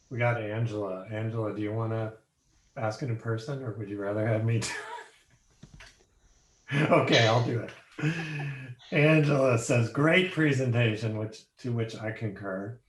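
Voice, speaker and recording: A man's voice: mid-range voice, a little hiss or hum. A man with a mid-range voice moderates an academic question session. He is casual and conversational as he invites and relays questions, and his sound is noticeably roomy and echoing. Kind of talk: informal moderating, reading out questions.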